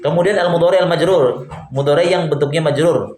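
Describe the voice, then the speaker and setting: A man's voice: a little high, brisk, darkish tone. A male teacher giving a classroom grammar lesson. He quizzes his students and repeats their answers back to them. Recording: echoey room, faint background hum.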